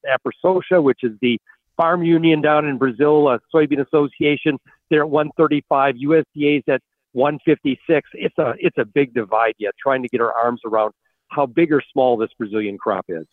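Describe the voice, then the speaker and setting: A man analysing farm markets as a guest on a call-in radio interview, heard over a buzzy, glitchy phone connection that breaks up, talking in halting bursts with repeated words. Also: medium pitch, no room sound. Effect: buzzy, glitchy phone call audio that breaks up. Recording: dry, tinny phone line.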